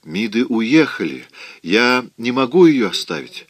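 A man's voice: medium pitch, very animated, measured pace, no room sound. A man voicing a desperate, headstrong young woman in an audiobook, pleading in a raised voice. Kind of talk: audiobook reading.

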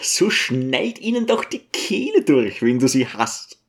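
A man's voice: medium pitch, very animated, a little slow. A man voicing a pushy, scheming male guest who talks brusquely and insistently.

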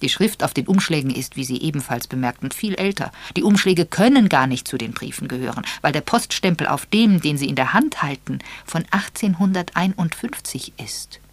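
A woman's voice: low-pitched, expressive, normal speed, hardly any pauses, no room sound. A woman voicing an elderly, shrewd spinster detective who explains things in a mild, patient way. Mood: explaining. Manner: mild, patient, gently lecturing.

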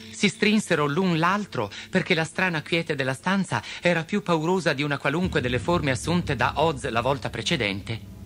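A man narrating a fairy tale in an expressive storybook style. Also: medium pitch. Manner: expressive, switching to character voices.

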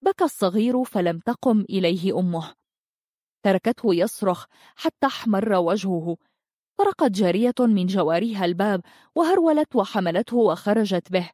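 A woman narrating a dramatic story in a steady audiobook style. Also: mid-range voice, normal speed, no room sound, studio quality.

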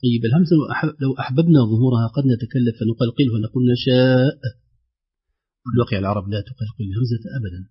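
A man teaching recitation, patiently repeating words slowly to demonstrate each sound. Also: mid-range voice, breathy edge, muffled recording. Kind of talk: instructive explanation with demonstrated pronunciations.

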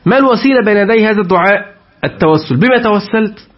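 Male teacher, tafsir lesson, quizzes students, higher voice, dull recording. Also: animated, quick pace. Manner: asks the class questions and repeats their answers. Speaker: Quran teacher.

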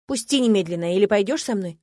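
A woman reading an audiobook, voicing an exasperated young male paladin prince who hisses his words low. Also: animated, fast talker, warm tone, no room sound, studio quality, close to an everyday voice. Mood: irritated.

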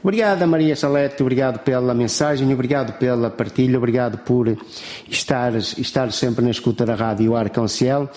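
Radio host, male, European Portuguese accent; mellow, mid-pitched voice, chatty and effusive between songs. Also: normal speed. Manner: chatty and effusive, reading out listener dedications. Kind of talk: live radio presenting. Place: radio studio.

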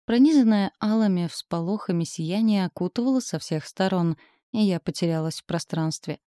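Expressive female audiobook narrator, dark tone. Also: lowish voice, moderate pace, no echo, studio quality. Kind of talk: first-person audiobook narration.

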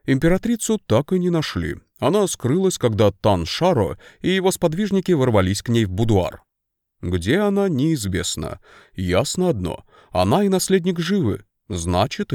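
A formal male imperial security chief, voiced by a male narrator in a storybook reading, delivering his report in a measured, official manner with lively intonation. The recording is close and dry. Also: mid-range voice, no room sound, voice pushed up.

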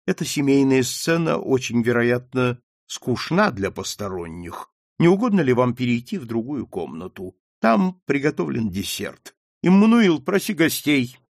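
A man's voice: mid-range voice, sing-song, normal speed, hardly any pauses, no echo, clean studio sound. A man doing a cold imperious marquise. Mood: commanding. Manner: commanding, imperious tone. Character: cold domineering aristocratic mother.

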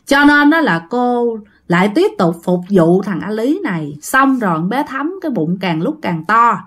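A woman's voice: fairly high pitch, a bit bright. A woman telling a ghost story in a chatty way, often addressing her listeners.

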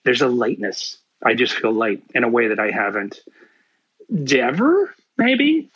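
Candid, lively man with a husky voice. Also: medium pitch, unhurried, lo-fi sound. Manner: candid, animated, swearing freely. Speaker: guest. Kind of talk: casual chat.

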